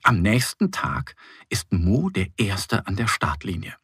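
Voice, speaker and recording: A man reads a children's story slowly, with a lively, swinging melody and a gravelly, husky texture. His tone is bright and gentle, and the sound is close and dry. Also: fairly low pitch, no room sound. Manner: gentle, expressive reading. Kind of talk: scripted children's story narration.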